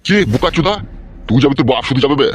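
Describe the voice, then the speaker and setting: A man voicing a foul-mouthed, furious middle-aged village father in a comic dub, yelling abuse nonstop. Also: medium pitch, slightly rough, no echo, lightly acted. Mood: angry. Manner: rapid abusive yelling.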